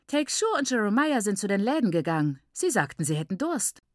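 Defiant young woman played by a woman, sharp-tongued, mocking, raised voice, dry close sound. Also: medium pitch, sing-song, brisk, no room sound, close to an everyday voice. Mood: calm. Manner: spirited, mocking, outspoken.

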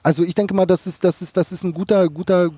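A man's voice: high-pitched, fairly even intonation, fast talker, mellow, breathy edge, dry recording. A fish farmer talking casually in an interview, rambling and repeating words as he thinks aloud.

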